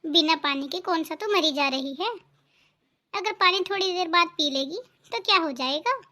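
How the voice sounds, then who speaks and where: A nagging, greedy mother-in-law from a cartoon family drama, voiced by a woman, with a very high, thin voice. She scolds and jabs with sarcasm. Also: lively intonation, moderate pace, bright, forceful tone, slight background noise, full character voice. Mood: scolding.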